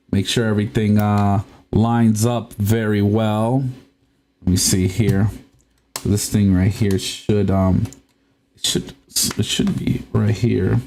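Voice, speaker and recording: A young Puerto Rican man, a native Spanish speaker, hosts a casual live stream while working on a console. His voice is lowish and mellow, and he laughs often and trips over his words.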